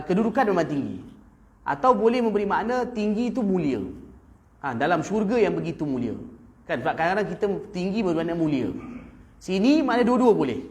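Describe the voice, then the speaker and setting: A man with a Malaysian Malay accent giving a live mosque lecture on Quran verses, often checking in with "kan?" and "ha" and chanting Arabic verses slowly between explanations. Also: sits high. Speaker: religious teacher. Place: mosque, live evening class.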